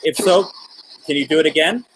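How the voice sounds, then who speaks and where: A man hosting a live spirit-communication session, speaking in gentle, coaxing questions with pauses between them. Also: a little high, a little hiss or hum, poor audio. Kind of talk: live-streamed seance, addressing spirits and viewers.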